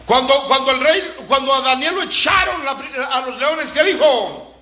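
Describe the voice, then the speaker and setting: Male preacher, emphatic sermon, high bright voice, roomy echoing hall. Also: lively intonation, normal speed. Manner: emphatic, call-and-response with congregation.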